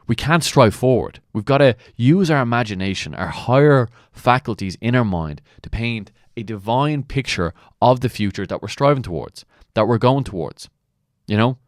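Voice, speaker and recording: Male mentor, very low voice, emphatic motivational commentary, dry sound. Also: animated, moderate pace, dry recording. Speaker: mentor and coach. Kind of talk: motivational commentary on a client testimonial.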